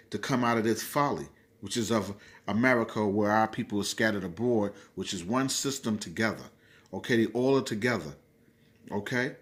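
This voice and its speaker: Man preaching with emphatic "okay?"s. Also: lowish voice. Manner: repeats "okay?" often, emphatic and insistent; grows louder and more forceful as he goes. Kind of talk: sermon.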